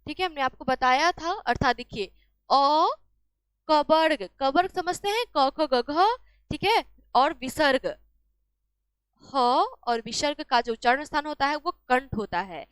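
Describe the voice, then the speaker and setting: Female teacher, high voice, dry close sound, walks students through exam answers with question-and-answer drilling. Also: lively intonation, measured pace, fairly bright tone, no echo. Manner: asks a question then answers it herself. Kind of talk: exam-solution lesson.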